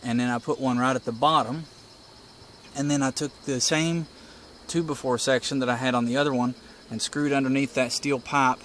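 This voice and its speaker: This hobbyist presenter has a medium-pitched, slightly bright voice with fairly even intonation and a moderate pace. Outdoors by a house porch, he offers a casual, plainspoken, folksy walkthrough, one step at a time, while insects and birds are clearly heard in the background.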